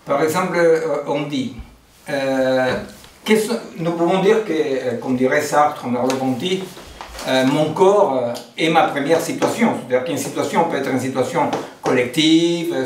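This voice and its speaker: This is a philosophy seminar lecture by a man from Argentina, recorded on a distant mic in a roomy space with slight background noise. He speaks at a measured pace in a fairly high voice, digressing often and using many fillers and rhetorical "n'est-ce pas" questions.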